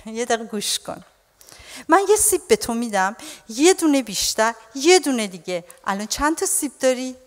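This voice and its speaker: A woman's voice: a little high, big pitch swings, big-room sound. A woman voicing a coaxing, exasperated math teacher.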